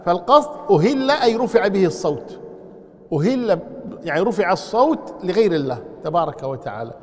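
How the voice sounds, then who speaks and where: A man with a lilt and a notably high voice teaches scripture, going over each phrase again and again, slowly and deliberately. His voice carries a long reverberation, as if he is speaking in a large hall. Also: sing-song. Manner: explanatory, repeats key phrases slowly. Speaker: Islamic scholar. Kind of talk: Quran commentary lesson.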